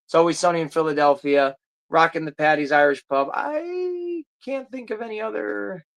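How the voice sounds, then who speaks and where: This is a livestream host chatting casually to viewers and answering their comments. The talk rambles and drifts, with pauses while the speaker hunts for a name. The voice sits in an ordinary middle range. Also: medium pitch, vocal fry, a bit bright. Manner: rambling, searches aloud for titles.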